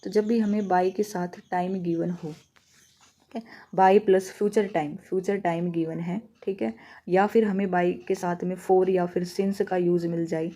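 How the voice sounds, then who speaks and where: A woman with a Haryanvi Hindi accent teaches a grammar lesson for exam prep, walking through each rule step by step. She poses questions and answers them herself and reads example sentences slowly. Her voice is on the low side, steady and warm.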